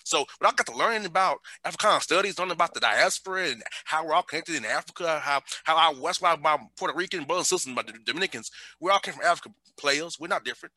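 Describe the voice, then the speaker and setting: Bright-voiced man, animated and emphatic. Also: on the high side, fast, hardly any pauses, no room sound. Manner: animated and conversational, repeating words for emphasis. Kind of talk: casual conversation.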